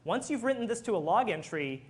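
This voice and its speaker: Engineer presenting, sex open: mid-pitched, explanatory, walks listeners through step by step. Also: sing-song, a little fast. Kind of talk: technical presentation.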